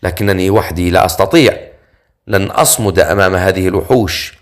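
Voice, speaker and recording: A man voicing a proud female ghoul princess in an audiobook, giving quick, anxious warnings. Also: deep voice, lightly acted. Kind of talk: audiobook character reading.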